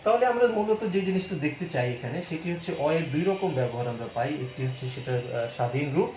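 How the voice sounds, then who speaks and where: A man's voice: fairly high pitch, animated, fast, a little mellow. A middle-aged male teacher giving a patient grammar lecture, explaining step by step and repeating key terms and example words. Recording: muffled, echoey room with faint hum.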